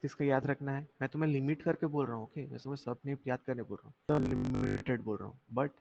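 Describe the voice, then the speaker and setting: Young male tutor, online lesson, slow gravelly delivery, lo-fi call audio. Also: medium pitch, darkish tone. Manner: slow, repetitive explaining, mixing Hindi and English, asking students questions. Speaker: chemistry teacher. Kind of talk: online class lecture. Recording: dull lo-fi audio with faint noise.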